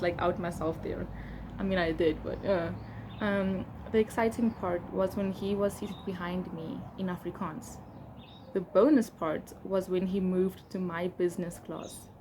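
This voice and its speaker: A young adult woman with a South African accent, reading aloud and chatting casually in a candid, expressive way. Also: mid-range voice. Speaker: vlogger. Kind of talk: casual reading of old diary entries with asides. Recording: clear background noise.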